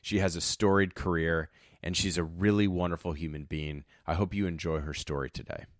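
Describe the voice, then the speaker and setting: A man's voice: low-pitched, steady tone, a little fast, no room sound, clean studio sound. A man hosting a podcast interview, upbeat and laughing easily with his guest. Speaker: podcast host.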